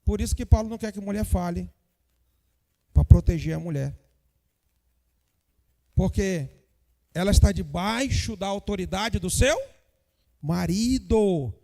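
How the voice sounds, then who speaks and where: A man's voice: high voice, animated, measured pace, vocal fry, long pauses, mellow, big-room sound. A man teaching a church Bible lesson, talking straight to the congregation with joking asides and frequent tag questions. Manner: addresses the congregation directly. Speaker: Sunday school teacher.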